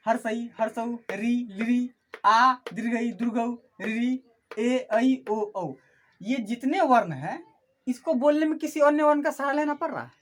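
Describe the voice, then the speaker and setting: A woman teaching an online class who asks questions and answers them herself, repeating each key term. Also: a little high.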